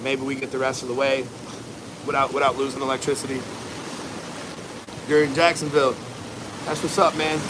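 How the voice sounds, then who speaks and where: A man's voice: mid-range voice, level tone. An American man livestreaming casually outdoors, talking in a laid-back, rambling, slangy way over wind. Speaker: livestream host, barber. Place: outdoors at home during a windy storm. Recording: noisy outdoors, loud wind and ambience. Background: wind and rushing water ambience.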